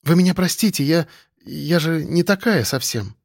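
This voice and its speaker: A man's voice: a little high, animated, a little fast, dry recording, clean studio sound, voice pushed up. A man reading an audiobook, voicing a shy young woman colleague who talks timidly and bashfully. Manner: timid, bashful, gently chatty.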